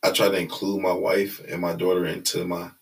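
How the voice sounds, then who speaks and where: A young recording artist from Detroit, United States, chats casually in an interview, his Detroit accent carrying cocky, slangy hype talk peppered with "bro" and "you feel me." His low voice is level in tone, fairly quick and touched with vocal fry, picked up on a distant mic.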